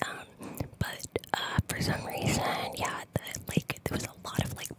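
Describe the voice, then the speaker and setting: Whispering very close to the mic, this female host drifts through a breathy ASMR ramble, drawing out words and frequently repeating them in strings. She never hurries.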